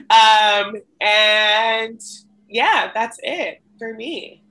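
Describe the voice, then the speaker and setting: Bright-voiced, teasing young woman. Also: fairly high pitch, extremely slow, rough recording. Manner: playful, teasing, many ums. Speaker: podcast co-host. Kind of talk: casual chat.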